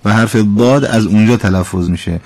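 A man's voice: on the low side, darkish tone, slight background noise. A man hosting a call-in radio program, patiently and politely correcting callers' recitation and pronunciation. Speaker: radio host teaching Quran recitation.

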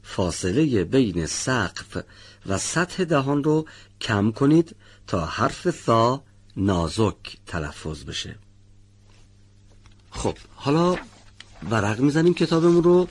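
A man teaching the pronunciation of a letter in a radio lesson, reading model words slowly and drawn out, then correcting learners one by one. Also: on the low side, breathy edge. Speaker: Quran recitation teacher.

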